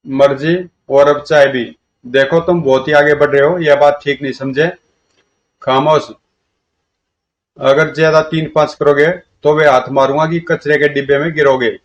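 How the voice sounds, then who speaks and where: A man's voice: a little high, moderate pace. Man reading a comic aloud. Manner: lively, shifts between characters' lines. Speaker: comic story reader. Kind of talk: reading a comic aloud, voicing all characters. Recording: dull lo-fi recording.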